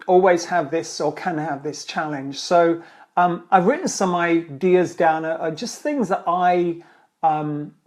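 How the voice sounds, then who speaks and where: Chatty male host with a higher voice. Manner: chatty, rambling, with many fillers and restarts. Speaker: speaking coach and trainer. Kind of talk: live-streamed Q&A monologue.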